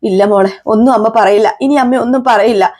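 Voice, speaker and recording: A woman's voice: fairly high pitch, moderate pace, a little mellow, lightly acted. Woman doing an anxious middle-aged mother. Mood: soothing.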